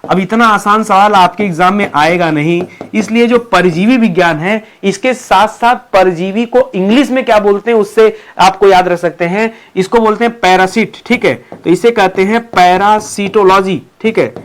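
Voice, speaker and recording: A man teaching an exam-prep lecture, repeating key terms and asking his students questions as he goes. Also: sits high. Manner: repetitive, drills terms, asks students questions.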